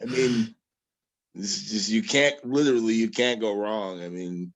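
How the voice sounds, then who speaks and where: A man, a guest bladesmith, talking haltingly with restarts in a casual interview over a video call. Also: fairly low pitch. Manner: halting, with many restarts and fillers.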